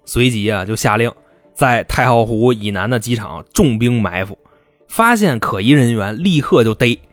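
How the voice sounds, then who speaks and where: Lively man spinning a crime yarn. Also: medium pitch, normal speed, no echo, faint music behind. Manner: colloquial, salty, acts out the quoted people. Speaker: podcast host. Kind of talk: casual true-crime storytelling.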